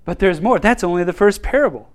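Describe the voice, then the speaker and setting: A man teaching a Bible class in an informal, animated way, acting out quotes and laughing often. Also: sits high, fast talker.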